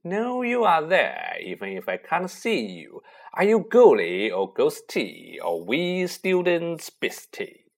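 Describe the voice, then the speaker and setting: Man putting on a greasy, slow poltergeist. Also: a little high, wildly swooping pitch, gravelly, voice pushed up, exaggerated voice. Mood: sly. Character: mischievous sly poltergeist, male, greasy and wheedling.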